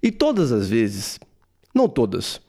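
A man's voice: mid-range voice, huge pitch swings, a little slow, warm tone. A man with a Brazilian accent hosting a podcast, telling a story in a casual comedic way, joking and rambling with many asides. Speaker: podcast host.

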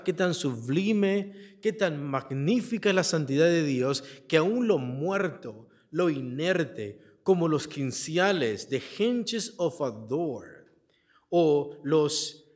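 A man preaching a Bible exposition sermon in a church, reading scripture verse by verse and pausing to ask the congregation to fill in the key word. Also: a little high. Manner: asks the congregation questions and leaves the answer word for them to fill in; reads scripture aloud and explains it verse by verse. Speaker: pastor.

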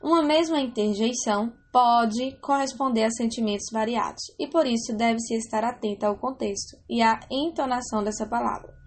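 A woman's voice: on the high side, normal speed, hardly any pauses, a little hiss or hum. A woman teaching a Portuguese grammar lesson, explaining step by step and checking in with her students.

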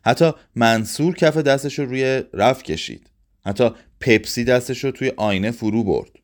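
A man reading a literary short story aloud in a measured, expressive way. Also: mid-range voice.

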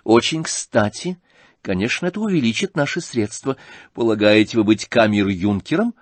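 A man's voice: lowish voice, lively intonation, normal speed, dry recording. A male reader voicing a proud, mocking young noblewoman in an audiobook, questioning haughtily and pointedly. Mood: haughty.

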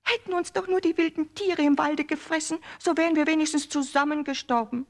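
A woman's voice: high-pitched, steady tone, a little fast, voice pushed up. A woman voicing a frightened little girl in a storybook reading, pleading and tearful.

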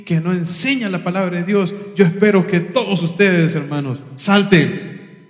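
A man's voice: high-pitched, normal speed. A man preaching a sermon from the pulpit, emphatic and full of rhetorical questions. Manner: emphatic, rhetorical questions, imitates instrument sounds. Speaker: pastor. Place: church sanctuary. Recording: echoey hall, reverb.

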